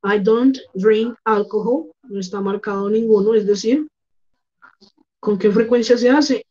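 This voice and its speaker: Slow Colombian teacher on lo-fi audio. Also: female voice, medium pitch, mellow. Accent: Colombian Spanish. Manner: slow, explanatory, repeats words for pronunciation. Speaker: English teacher. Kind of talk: online class lesson.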